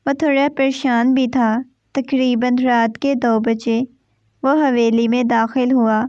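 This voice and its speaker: A woman narrates a romance novel with a high voice and a steady storytelling pace. The recording is dry, with no room sound. It also sounds slightly dull and lo-fi. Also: dry recording. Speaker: novel reader.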